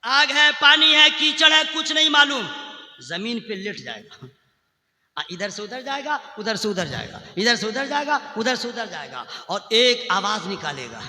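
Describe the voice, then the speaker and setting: A man preaching a sermon, swinging between loud chanted shouting and quiet conversational asides, sometimes singing Arabic verses. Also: very high-pitched, big pitch swings, a little slow. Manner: chants Quranic Arabic in a sung tone. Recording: echoey hall with long reverb.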